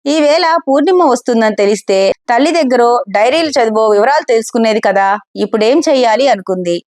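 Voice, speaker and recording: A woman's voice: a little high, lively intonation, fairly quick, darkish tone, dry recording, clean studio sound. A woman storyteller reading an audio novel, addressing her listeners directly and politely. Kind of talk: scripted audio story narration.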